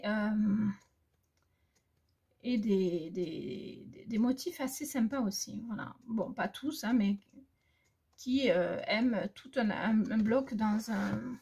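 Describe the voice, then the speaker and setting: Gravelly, husky woman chatting. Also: a little high, mellow. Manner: hesitant, many fillers and restarts. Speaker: crafting vlogger. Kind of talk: casual haul chat. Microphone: phone.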